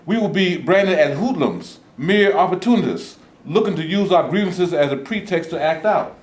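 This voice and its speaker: In a live staged reading, a man plays a cautious, principled protest leader, speaking formally and earnestly with a firm yet troubled air. His voice is high and animated at a normal speed, and the room is echoey.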